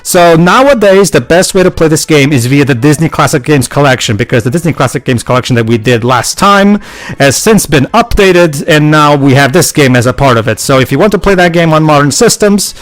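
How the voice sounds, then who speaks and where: A man's voice: fairly high pitch, expressive, fairly quick. A man hosting casual gaming commentary, often stammering and repeating his words.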